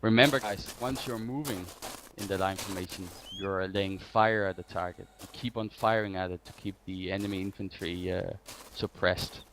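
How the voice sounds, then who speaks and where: A man's voice: low-pitched, steady tone, normal speed, hardly any pauses. A man giving an informal tactical briefing as an instructor, hesitating and repeating points for emphasis. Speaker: instructor of armored vehicle drills. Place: online game voice chat. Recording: faint noise with clicks.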